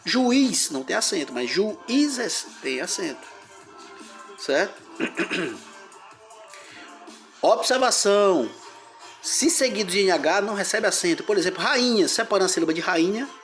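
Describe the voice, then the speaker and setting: A man's voice: high-pitched, expressive, unhurried, pauses often, fairly bright tone, soft background music. A man teaching a grammar lesson, explaining step by step and splitting words into syllables.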